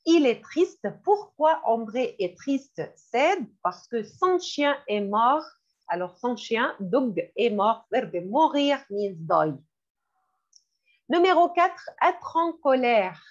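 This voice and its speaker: A woman teaching French vocabulary in a classroom lesson, repeating each word slowly and glossing it in English. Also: fairly high pitch, big pitch swings. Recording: dull lo-fi recording.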